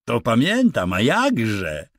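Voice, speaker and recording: A man voicing a slow, childlike giant of a man who talks in a simple, halting, eager way. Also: mid-range voice, wildly swooping pitch, fairly bright tone, no room sound, studio quality, voice pushed up, exaggerated voice.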